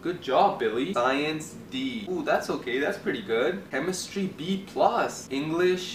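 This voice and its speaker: A calm, kindly father, played by a man in a comedy sketch, speaking slowly and with encouragement. His voice carries a little room echo from a bit away from the mic. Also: a little high, distant mic, slight background noise. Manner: slow, soft, encouraging.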